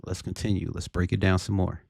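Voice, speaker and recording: A man giving casual opinion commentary on a video, deliberately, often checking for agreement with rhetorical questions. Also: sits low, level tone, creaky, darkish tone, slightly rough, no echo, studio quality.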